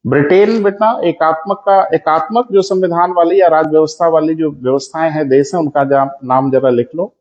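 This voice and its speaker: A male teacher giving a classroom lecture, calling his students "beta" and slowing down so they can take notes. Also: on the high side, steady tone. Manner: addresses students as "beta", dictating slowly. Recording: echoey dull classroom audio.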